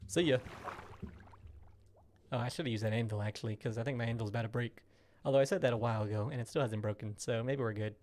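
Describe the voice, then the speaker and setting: A man gives casual gaming commentary on a live stream, chatty and thinking aloud as he plays. His voice sits at an everyday pitch for a man. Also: steady tone, quick pace, darkish tone, a little hiss or hum.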